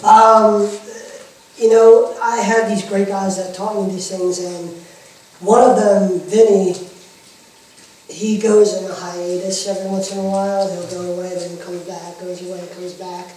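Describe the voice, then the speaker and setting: A man's voice: high voice, little pitch movement, measured pace, a little mellow, a little hiss or hum. A man who works as a pro wrestling manager, chatting casually and talkatively in an interview, repeating himself for emphasis. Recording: echoey room, far from the mic.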